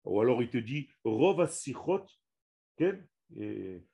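A man's voice: mid-range voice, very animated, slow pace, vocal fry, dark tone, dull audio. A man teaching a religious lesson on the Hebrew language to a small group, speaking in an emphatic way, repeating and restarting his words and stressing each Hebrew term.

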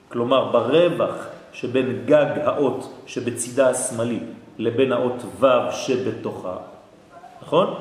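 A man teaching a lecture to a class, lively and often checking that listeners follow. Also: medium pitch, slight background noise. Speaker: Torah teacher. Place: hall with an audience. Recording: echoey hall.

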